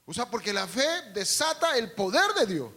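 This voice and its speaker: A man preaching a sermon to a congregation, calling out for responses, adding humorous asides, and swinging between loud and hushed. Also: very high voice, sing-song, moderate pace. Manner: calls out to the congregation and asks for responses. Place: church service.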